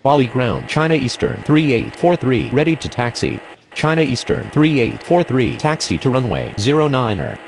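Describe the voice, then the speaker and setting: A man's voice: medium pitch, expressive, normal speed, vocal fry. A man giving clipped airline pilot radio calls in formal air traffic phraseology. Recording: faintly noisy, vehicle-like background.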